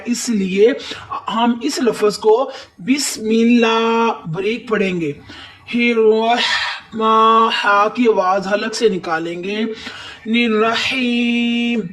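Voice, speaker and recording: A woman teaching Quran recitation step by step, patiently repeating each rule in plain words. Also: mid-range voice.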